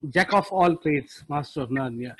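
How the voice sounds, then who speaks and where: A man's voice: a little high, moderate pace, fairly bright tone, no room sound, rough recording. A man speaking casually as a panelist in a podcast discussion.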